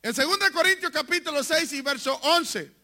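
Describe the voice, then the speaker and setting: A male pastor preaching a fervent sermon from a church pulpit, moving between hushed asides and shouted lines. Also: extremely high pitch, animated, normal speed.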